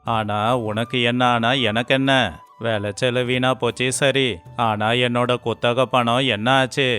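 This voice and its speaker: A man's voice: mid-range voice, a bit bright, smooth, close to an everyday voice. A man voicing a harsh, greedy village landlord who scolds in a stern, scornful way.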